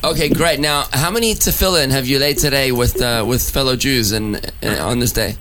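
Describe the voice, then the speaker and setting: A man hosting a radio talk show as a rabbi, chatty and quick, with many restarts. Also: medium pitch, background noise. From United States.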